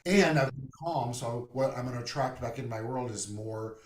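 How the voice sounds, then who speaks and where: A man speaking as a minister in a conversational sermon, playful and animated, acting out little asides. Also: medium pitch, normal speed. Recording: roomy echo.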